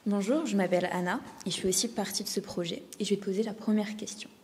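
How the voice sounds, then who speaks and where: A woman's voice: mid-range voice, fast talker, a little mellow, breathy edge. A young woman asking interview questions, casual and a little shy. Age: young adult. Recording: reverberant hall.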